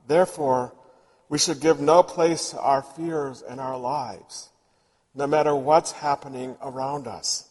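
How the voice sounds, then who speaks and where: A man preaching a sermon in a slow, earnest and reflective way. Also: medium pitch, steady tone, darkish tone, in a large hall.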